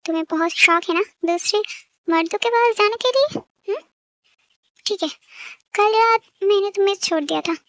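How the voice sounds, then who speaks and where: A woman's voice: very high-pitched, animated, moderate pace, long pauses, no echo. Woman playing a jealous, hot-tempered young husband. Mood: angry. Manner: harsh, scolding, then begging. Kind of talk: fan-fiction audio story.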